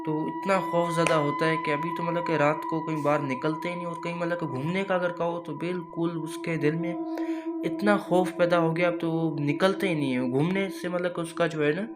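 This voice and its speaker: A man's voice: a little high, fairly even intonation, normal speed. A man casually telling a horror story in a rambling way, full of fillers and calling the listener brother. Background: music.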